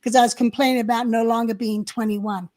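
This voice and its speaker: An older woman with a notably high voice, chatting casually as a co-host on a live stream. She reminisces and tells her stories at an easy pace, with frequent ums and restarts. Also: fairly even intonation, brisk, a little mellow.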